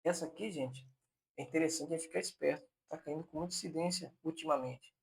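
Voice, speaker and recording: A man's voice: fairly high pitch, quick pace, creaky, slightly rough. A man teaching a Portuguese grammar lesson online for exam prep, explaining step by step and repeating points on purpose so they stick.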